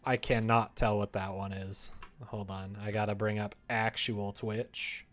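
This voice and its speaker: His lowish voice barely moves in pitch, keeps a measured pace and sounds a bit bright. The man is casually livestreaming his work on a visual novel, chatting to himself in a playful, giggly manner as he thinks aloud.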